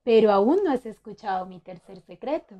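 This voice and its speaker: A woman's voice: medium pitch, normal speed, highs cut off, close to an everyday voice. A woman voicing a clever, kindly old grandfather toad in a children's story. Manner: calm, sly and kindly.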